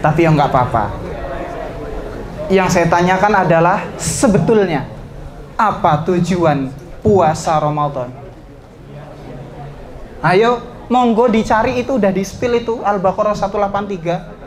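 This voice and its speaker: A man, an ustadz giving a lively religious talk to students, swinging between raised exhortation and soft joking asides. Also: high-pitched, unhurried, pauses often.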